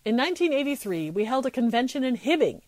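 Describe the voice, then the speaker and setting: Animated, higher-voiced woman narrating. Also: quick pace, no echo. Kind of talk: scripted documentary narration.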